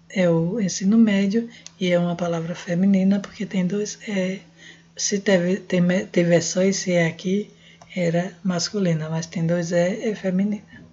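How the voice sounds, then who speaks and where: Brazilian woman, language teacher, husky warm voice, dull lo-fi recording. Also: lowish voice. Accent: Brazilian Portuguese. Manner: slow, spells out letters and sounds. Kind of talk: casual French lesson.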